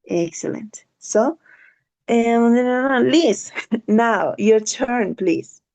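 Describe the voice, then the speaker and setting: Slow-spoken woman teaching English. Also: fairly high pitch, vocal fry, darkish tone. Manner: slow, drawn-out model words, switching to quick explanations. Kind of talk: online class teaching pronunciation.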